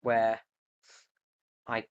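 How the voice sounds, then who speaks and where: A man's voice: extremely slow, phone-quality sound, a little hiss or hum. A young man streaming live, thinking aloud as he builds, hesitant and muttering to himself with many fillers. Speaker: livestreamer.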